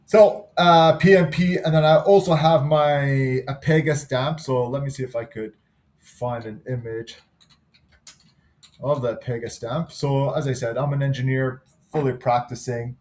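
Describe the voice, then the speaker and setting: A man in his thirties from Canada, an engineer giving an unscripted class presentation. He talks easily and pauses now and then while working on his screen. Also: medium pitch, fairly even intonation, darkish tone.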